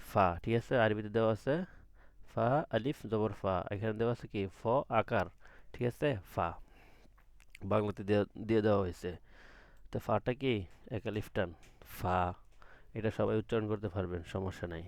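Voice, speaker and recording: A man's voice: lowish voice, steady tone, normal speed, creaky, long pauses, darkish tone, no room sound. A man teaching an online Quran class, patiently asking questions and drawing out letter sounds from the throat. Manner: patient, asks the class questions and answers them himself.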